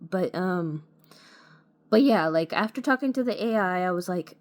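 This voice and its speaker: A woman's voice: lowish voice, expressive, normal speed. A woman talking casually to the camera in a rambling way, full of fillers and restarts. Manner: rambling, many fillers, frequent "like" and "you know". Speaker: vlogger.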